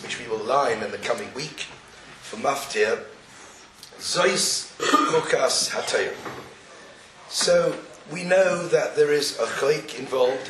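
A man with a croaky voice giving an explanatory Torah lecture, deliberate and sprinkled with Hebrew quotations. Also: medium pitch. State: croaky, getting over an illness. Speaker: religious lecturer. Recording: roomy, distant, noisy recording with clicks.

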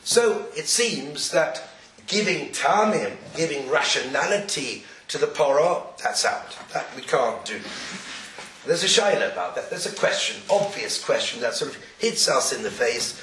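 A croaky-voiced man delivers a religious lecture, explaining deliberately and quoting Hebrew. His voice is a little high for a man. It comes from some distance in an echoey room, on a noisy recording. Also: lively intonation, fairly bright tone. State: croaky, getting over an illness.

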